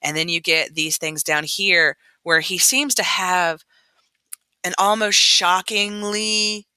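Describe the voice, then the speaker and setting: A woman's voice: on the low side, slow pace, bright, forceful tone, clear, resonant tone, no echo. A woman teacher casually walking students through a novel's pages, talking loosely with many ums and restarts. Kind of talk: casual literature lesson walkthrough. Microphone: computer mic, screen recording.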